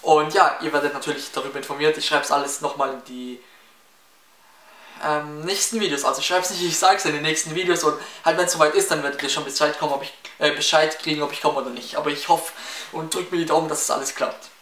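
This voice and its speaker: A fast talker with a fairly high, steady pitch and a fairly bright tone, this Swabian-accented seventeen-year-old answers viewer questions for a casual Q&A vlog. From near Stuttgart in Baden-Württemberg, he chats in a rambling way full of fillers and restarts. He sits in a small indoor room before window blinds; the room is echoey and the mic slightly distant.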